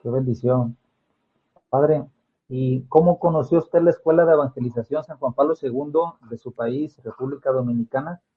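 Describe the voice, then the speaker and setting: A man's voice: medium pitch, normal speed. A man interviewing a priest, asking formal, polite questions. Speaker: podcast interviewer. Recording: husky voice on a phone-like line.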